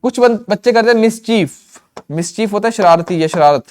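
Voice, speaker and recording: High-voiced man teaching grammar. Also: lively intonation, darkish tone, smooth. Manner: explains in Hindi mixed with English, slows down for English examples; repeats words and checks in with "theek hai". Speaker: English teacher. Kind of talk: online exam-prep grammar lesson.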